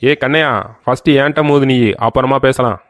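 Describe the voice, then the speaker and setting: A man's voice: mid-range voice, steady tone, brisk, lightly acted. A man voicing a loyal, bragging younger brother in a cartoon story, swaggering and always calling out to his older brother.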